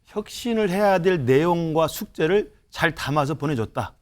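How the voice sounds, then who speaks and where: A man's voice: a little high, lively intonation, normal speed. A man, a university professor and political commentator, explaining his reading of events on a studio panel with analogies.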